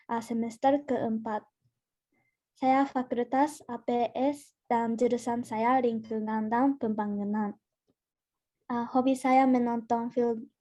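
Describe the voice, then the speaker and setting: A woman's voice: fairly high pitch, dark tone. A twenty-year-old woman from Japan, a native Japanese speaker, presenting as a foreigner speaking Indonesian with a Japanese accent, carefully and with restarted words. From Gifu, Japan. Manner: careful learner's delivery, repeating and restarting words. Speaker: student guest presenter.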